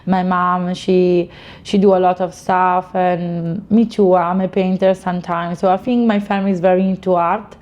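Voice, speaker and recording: Casting: woman, late 20s, Italian accent, soft mellow tone, slightly low voice, casual interviewee, dull recording. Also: little pitch movement, normal speed. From Italy. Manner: informal, non-native English phrasing with frequent "you know". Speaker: interviewee, fashion model.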